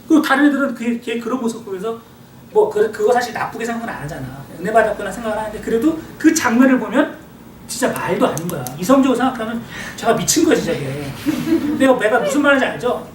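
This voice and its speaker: A middle-aged male pastor giving a sermon lecture in a church hall, acting out inner voices and swinging between loud and quiet. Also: very high voice. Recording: echoey hall, voice from far off, faint hiss.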